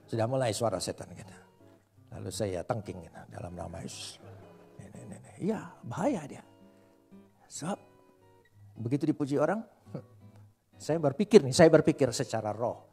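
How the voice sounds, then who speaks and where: Gravelly animated male preacher. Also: mid-range voice, normal speed, long pauses, soft background music. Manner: animated preaching, swings loud and soft, jokes with the congregation. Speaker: pastor. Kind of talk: sermon.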